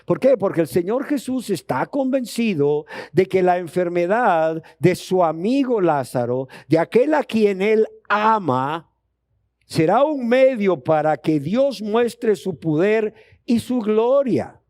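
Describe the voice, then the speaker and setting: A man's voice: high-pitched, big pitch swings, slow pace, a little mellow, no room sound. A man with a Colombian Spanish accent teaching a sermon, asking the audience questions and acting out dialogue. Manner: emphatic, rising questions to the audience, acts out dialogue. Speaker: Bible teacher.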